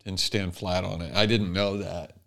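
A middle-aged American stand-up comic hosts a podcast, chatting casually and telling jokey stories that mock himself. His deep, gravelly voice is a bit bright, steady in tone, at a moderate pace.

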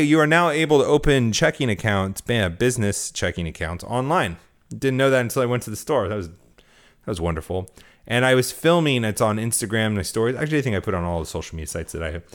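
Male podcast host, tired, casual talk that builds to emphatic rhetorical questions. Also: mid-range voice. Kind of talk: casual political commentary.

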